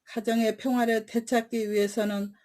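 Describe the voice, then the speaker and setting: A woman voicing a wise older male rabbi in a bedtime story, speaking in a calm, formal, old-fashioned manner. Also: a little high, moderate pace, natural voice.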